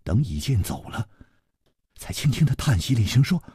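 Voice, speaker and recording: A male storyteller narrating a story in a dramatic, measured way. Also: medium pitch, sing-song, dark tone, slightly rough, dry recording, studio quality.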